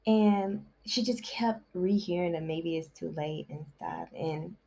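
Rambling low-voiced woman recapping a book. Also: slow pace, creaky, warm tone, a little hiss or hum. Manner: rambling, filler-heavy with constant "like" and "you know". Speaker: book summary vlogger. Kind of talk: casual story recap.

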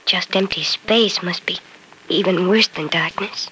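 An actress playing an anxious, hopeful young woman patient in a 1940s radio drama, speaking softly and earnestly. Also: lowish voice, unhurried, slight background noise, rough recording. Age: young adult. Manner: soft, earnest, nervous.

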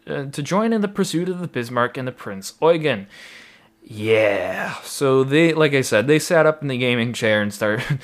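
A man casually narrating naval history, with lots of fillers, restarts and wry asides. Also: a little high. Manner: rambling, many fillers and asides, wry humor.

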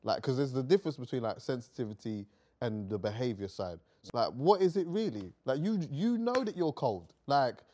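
A man's voice: mid-range voice, big pitch swings, brisk, warm tone. A man with a London roadman accent, chatting casually in slang and tagging questions onto his sentences. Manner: adds tag questions. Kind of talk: casual chat.

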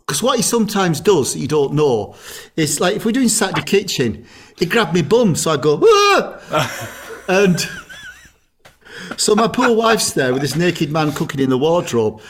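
A man's voice: on the high side, big pitch swings, moderate pace, slight background noise. A middle-aged man, co-hosting a podcast and telling stories with frequent laughs. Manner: chatty storyteller, laughs often. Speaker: podcast co-host. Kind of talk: casual chat.

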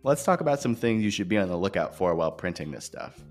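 Low-voiced man in an echoey empty room. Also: big pitch swings, fast, darkish tone. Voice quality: echoing voice from a bare unfurnished room. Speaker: podcast host. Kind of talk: scripted podcast narration, informal. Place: new empty office without furniture. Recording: echoey empty office, music behind.

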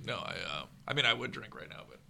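An American man with vocal fry, bantering casually as a podcast guest, self-deprecating and teasing, with hesitant phrases that trail off. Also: mid-range voice, lively intonation, quick pace, bright, forceful tone, a little hiss or hum. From Philadelphia area, United States. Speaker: podcast guest, touring comedian.

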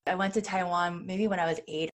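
A woman who grew up in the United States, interviewing with curious, relaxed questions. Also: fairly low pitch, a little fast. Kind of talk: casual interview chat.

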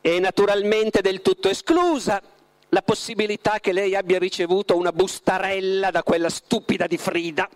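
A man reading aloud and voicing a suave, mocking male devil who speaks slowly and ironically. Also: high voice, pitched above the performer's own voice. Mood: sneering. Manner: slow, drawn-out, ironic delivery.

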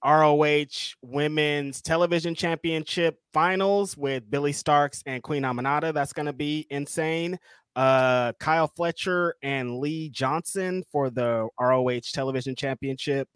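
A man's voice: medium pitch, steady tone, measured pace, fairly bright tone, clear, resonant tone, dry recording, clean studio sound. A man co-hosting a live wrestling stream, giving casual commentary in informal, laid-back phrasing. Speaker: co-host and wrestling reporter.

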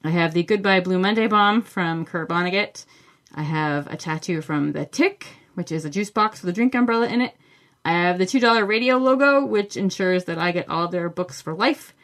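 Her lowish voice sounds a bit bright and moves at a normal speed as she hosts a casual book podcast alone. Responding to listener questions, she's chatty and enthusiastic, with frequent fillers.

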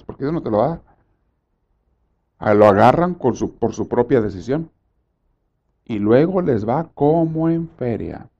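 In a sermon captured with dull audio, a man with a mid-range voice moves from soft asides to loud, pleading prayers that he acts out.

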